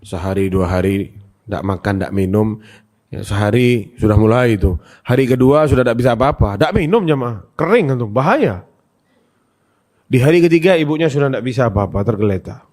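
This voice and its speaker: Animated preacher man. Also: fairly quick. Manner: storytelling with acted quotes, pitch swinging high and low. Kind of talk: sermon answering questions.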